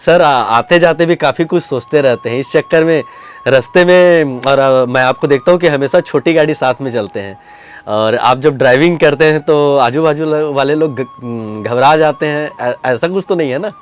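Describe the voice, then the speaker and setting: A man's voice: mid-range voice, moderate pace, clean tone. A man interviewing a guest, asking questions in a polite, deferential way.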